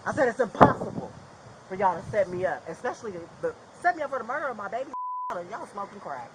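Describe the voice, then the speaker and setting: A distressed, defiant woman shouting and swearing outdoors at a house, caught on a police body camera. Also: medium pitch, very animated, fast talker. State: distressed, crying out. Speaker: detained woman in police bodycam footage. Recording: loud noisy outdoor bodycam audio.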